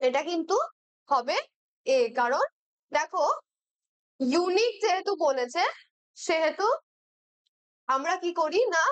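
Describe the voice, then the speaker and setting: A woman's voice: extremely high pitch, fairly bright tone, no echo. A young woman with a Bengali accent who teaches English grammar for exam preparation and keeps checking in with her students as she explains each question. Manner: patient, checks in with "right?" often.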